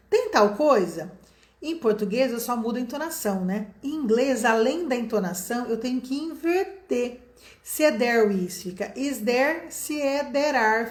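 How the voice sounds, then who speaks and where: Middle-aged Brazilian woman, English teacher, patient and explanatory, slightly high voice, roomy echo. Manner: explains patiently, stretching out example sentences slowly. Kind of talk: online English lesson.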